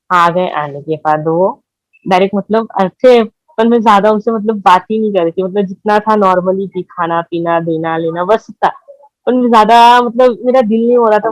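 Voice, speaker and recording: A woman, telling her own story in halting speech, with many fillers and repeated words. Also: medium pitch, dry recording, poor audio. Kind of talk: emotional personal testimony.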